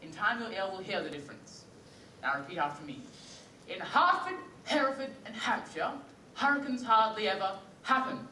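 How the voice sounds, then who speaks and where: A man's voice: a little high, fast talker, sharp tone, slight background noise. An actor playing an impatient phonetics professor in a stage musical. He lectures and repeats his corrections in exasperation. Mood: lecturing. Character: impatient male phonetics professor, brisk and bossy. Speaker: student actor. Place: school theatre stage. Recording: echoey hall from far off.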